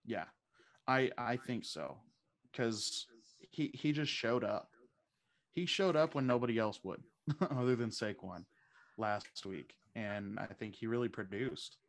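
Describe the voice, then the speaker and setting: A man's voice: fairly low pitch, measured pace. A man co-hosting a fantasy football podcast in casual chat, thinking aloud and often restarting his sentences.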